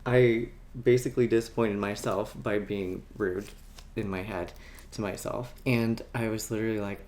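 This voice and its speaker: An author telling a casual storytime to camera, chatty and self-mocking, laughing often and acting out their own past worried thoughts while holding up a tabbed book. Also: mid-range voice.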